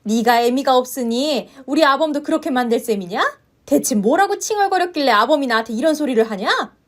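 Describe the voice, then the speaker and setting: A woman's voice: high voice, animated, brisk. A woman voicing a domineering old mother-in-law. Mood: scolding. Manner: harsh, contemptuous, shouting reproaches. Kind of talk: story narration with voiced roles.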